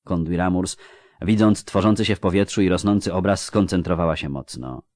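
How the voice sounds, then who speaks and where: A man reading a fantasy novel aloud in a measured, dramatic way. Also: low voice, darkish tone, dry recording, clean studio sound. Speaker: audiobook narrator. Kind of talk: scripted literary narration.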